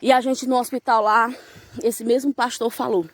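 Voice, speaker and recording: A woman's voice: on the high side, fairly even intonation, normal speed. Fervent woman giving a church testimony. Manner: fervent, storytelling, repeatedly addresses listener as "brother". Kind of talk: evangelical testimony.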